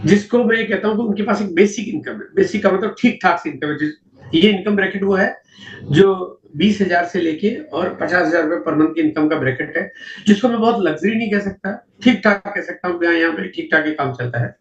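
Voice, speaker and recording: A man gives a seminar talk, walking through statistics with repetition and rhetorical questions. His voice sits high for a man. It is picked up from a distance in a roomy, echoing space on a dull, lo-fi recording. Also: brisk. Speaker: network marketing seminar speaker.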